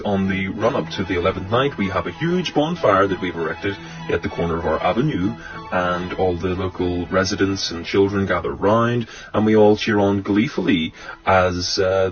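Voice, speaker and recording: A man's voice: sits low, dull audio. A man doing a snooty, pompous caller in a comedy sketch. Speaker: comedian playing a posh prank caller.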